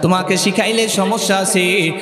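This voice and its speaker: A man's voice: sits high, fairly even intonation, moderate pace, a bit bright. A man voicing a fearful old scholar who firmly refuses to teach, half-chanting. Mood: refusing. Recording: echoey hall-like sermon recording with faint music.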